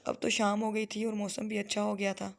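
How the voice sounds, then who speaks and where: A woman with a Lahori Punjabi accent gives a chatty, homely voice-over for her family vlog. Her pitch stays almost perfectly level, and her voice has a gravelly, creaky edge. She drifts into Punjabi phrases as she goes. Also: completely flat delivery, fairly quick. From Lahore, Pakistan. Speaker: family vlogger and mother. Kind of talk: casual vlog voice-over narration.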